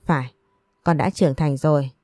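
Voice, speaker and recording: A woman voicing a stern, scheming older mother in a romance story, speaking in a sharp, scolding way. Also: sits low, steady tone, moderate pace, dry recording, clean studio sound, natural voice.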